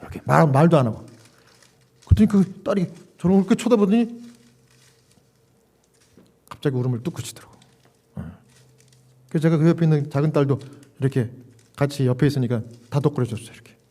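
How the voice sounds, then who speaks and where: A middle-aged male pastor telling a story in a sermon, animated, laughing and acting out quoted dialogue. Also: a little high, quick pace.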